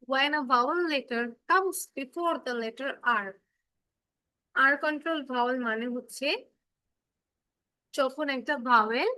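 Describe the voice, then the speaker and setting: A woman's voice: sits high, bright, forceful tone, dry recording. A woman teaching English phonics to children in a class, explaining patiently, repeating herself and checking that they understand.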